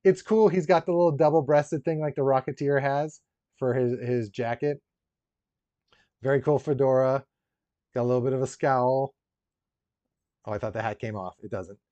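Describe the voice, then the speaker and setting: A man with a mellow, medium-pitched voice speaks at a normal pace with fairly even intonation and long pauses. He's a toy collector hosting a casual live stream, rambling and joking with viewers through dry, teasing asides. The recording has a roomy echo and a dull, lo-fi quality.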